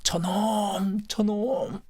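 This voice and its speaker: A man voicing a tormented, bitter old village man who shouts in a raised voice. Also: fairly even intonation, extremely slow, husky, full character voice. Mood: terrified. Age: older. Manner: sudden shouts, raised pitch.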